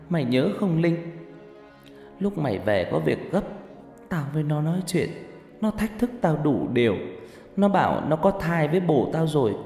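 A man's voice: on the high side, a little mellow, pitched above the performer's own voice. A man voicing a frightened, guilt-ridden young woman who stammers and pleads through tears. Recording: echoey reverberant room, faint music.

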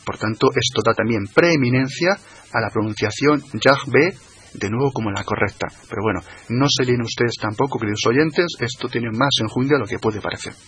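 A man, a guest on a radio talk show, explaining slowly and carefully, repeating and spelling out words. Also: medium pitch, a bit bright, a little hiss or hum. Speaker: guest expert on religion.

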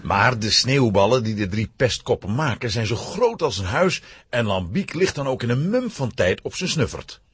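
With a husky, medium-pitched voice at normal speed, a man narrates a children's adventure story. His scripted delivery is dramatic and expressive.

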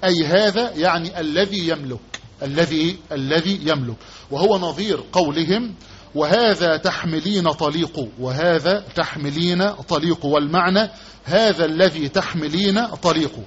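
A man's voice: on the high side, normal speed. A man with an Egyptian Arabic accent giving a religious lesson as a sheikh, repeating key words and quizzing his listeners with rhetorical questions. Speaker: sheikh teaching hadith commentary. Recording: dull lo-fi lesson recording with faint background noise.

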